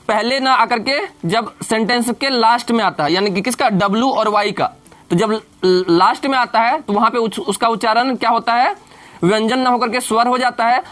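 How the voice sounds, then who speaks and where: A man's voice: very high-pitched, fairly bright tone. Man teaching, question-and-answer style. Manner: keeps posing questions and answering them himself; slow, spells out words letter by letter. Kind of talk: classroom grammar lesson.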